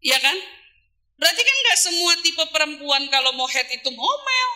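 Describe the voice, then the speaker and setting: A woman's voice: high-pitched, big pitch swings, moderate pace, pushed and bright. A woman preacher giving a casual religious talk to women. She asks rhetorical questions, answers them herself, and stretches single words out for emphasis. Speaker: Islamic preacher.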